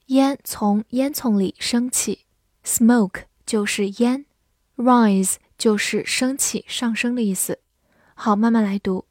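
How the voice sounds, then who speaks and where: A woman teaching English vocabulary in a scripted lesson, spelling words out letter by letter and reading example sentences slowly and carefully. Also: a little high, steady tone, darkish tone, dry recording, clean studio sound.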